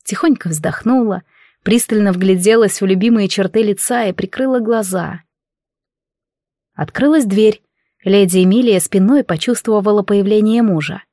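A woman reading a novel aloud as an audiobook narrator, in an even, measured way. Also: medium pitch, no room sound, clean studio sound. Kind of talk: scripted narration.

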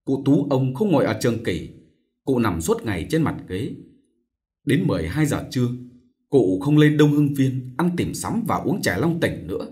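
A man reading a novel aloud as an audiobook narrator, in expressive, measured storytelling. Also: mid-range voice.

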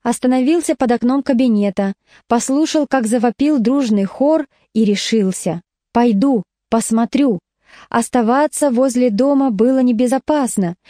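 A woman reads a story aloud with lively, expressive narration. Her voice sits a little high but sounds mellow and dark, recorded dry and close. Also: moderate pace, no echo. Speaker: audiobook narrator.

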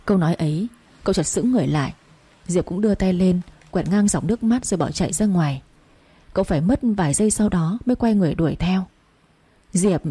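A woman reading a romance story aloud in slow, measured scripted narration. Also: lowish voice, dark tone, husky. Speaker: audiobook narrator.

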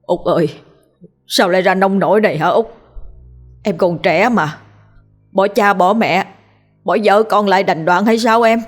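A woman's voice: medium pitch, unhurried, pauses often, faint music behind, close to an everyday voice. A woman playing a young village brother, wailing in grief, storybook ghost tale. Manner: wailing, crying out. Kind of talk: scripted ghost story narration.

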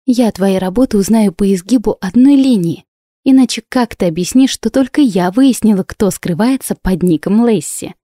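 Woman voicing an enthusiastic young woman, exclaiming, raised voice, mellow, dry, audiobook. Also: moderate pace, no echo, natural voice. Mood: excited. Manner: bright, exclaiming, raised pitch. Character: lively, enthusiastic young woman artist friend. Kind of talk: audiobook character voice.

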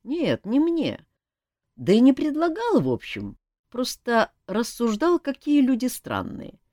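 A woman reading an audiobook, voicing a lively, cheeky young male court jester who teases and pleads. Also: on the high side, a little slow, no room sound, studio quality, voice pushed up. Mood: teasing. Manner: animated, teasing, pleading.

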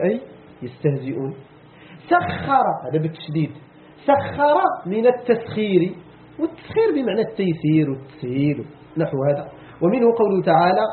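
A man with a Moroccan Arabic accent giving a classroom lesson, quoting verses and asking the class questions. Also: high voice. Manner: explains, quotes verses, asks the class questions. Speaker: Quran teacher. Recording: tinny phone-like echoey room, faint noise.

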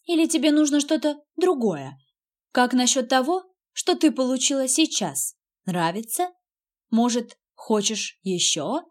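Cruel jealous husband, read by a woman, calm and menacing, audiobook, a bit high. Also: a little slow. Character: cold, cruel, jealous husband, adult man.

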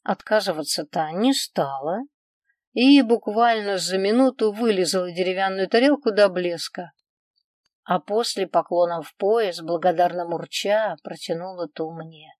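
A woman narrating a first-person audiobook in an even, measured reading. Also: lowish voice, dry recording. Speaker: audiobook reader.

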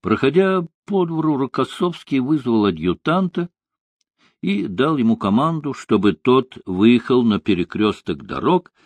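A man narrating a historical novel as an audiobook, measured and expressive. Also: medium pitch, dry recording.

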